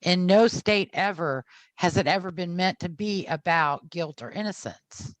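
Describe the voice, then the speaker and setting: A podcast co-host in casual discussion who explains points in a measured way. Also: medium pitch, no room sound, poor audio.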